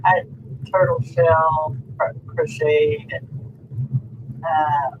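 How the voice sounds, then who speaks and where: A man's voice: a little high, level tone, very slow, muffled recording. A man chatting casually in a moving car, musing and thinking aloud, like dashcam audio. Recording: dashcam-like audio, loud road noise.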